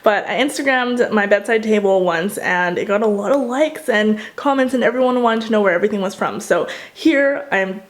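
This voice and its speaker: With few pauses and a normal speed, a young adult woman vlogs in a chatty, casual tone. Her mid-range voice sounds swallowed and muffled because she is a little sick and still getting over tonsillitis.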